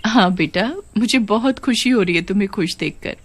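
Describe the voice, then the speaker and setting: A woman's voice: mid-range voice, normal speed, breathy edge, natural voice. A woman voicing a widowed mother who has become a witch ghost in a cartoon, speaking in a lamenting, emotional way. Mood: sad.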